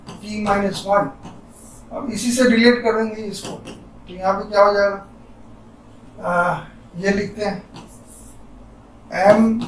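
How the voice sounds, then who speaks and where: A man's voice: high voice, roomy sound, recorded from a distance, a little hiss or hum, low-quality recording. A man teaching a physics lecture, working through a problem step by step, thinking aloud and correcting himself. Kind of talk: classroom lecture.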